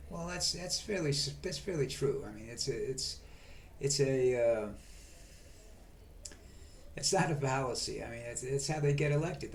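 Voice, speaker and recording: An older vlog host rambles on slowly in a monotone, halting over frequent fillers and restarts. His pitch is ordinary and mid-range, with a faint hiss of noise beneath the recording.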